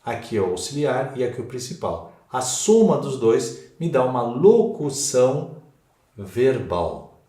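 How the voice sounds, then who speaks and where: A Brazilian man teaching a Portuguese grammar lesson for exam prep, in a slow and emphatic way. He repeats key words and checks in with the class. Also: mid-range voice, very animated, dark tone. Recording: echoey room.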